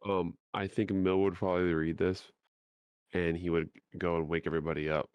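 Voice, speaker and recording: A man's voice: low voice, flat delivery, normal speed, clean tone, dry recording, lo-fi sound. A man playing in a tabletop game, giving short easygoing replies. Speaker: player.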